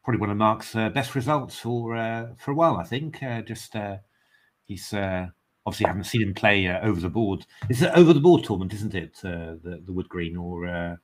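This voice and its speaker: English guy doing chess stream commentary, lowish voice, lots of uhs and ums. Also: moderate pace, noisy background. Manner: excitable cheering, then musing with many fillers. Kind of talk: live online chess commentary.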